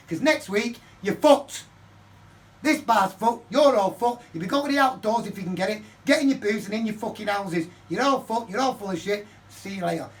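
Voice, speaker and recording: High-voiced, ranting older man. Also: a bit bright. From Manchester, England. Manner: profane, heated ranting. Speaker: vlogger. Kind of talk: casual storytelling to camera. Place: his flat, indoors. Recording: distant mic with faint background noise.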